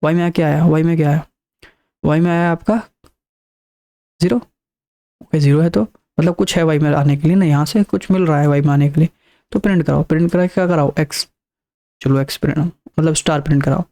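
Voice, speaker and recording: A man's voice: on the high side, a little fast, long pauses, warm tone. A man teaching a programming lesson, walking through the code step by step and counting aloud as he explains. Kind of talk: screen-recorded coding lesson.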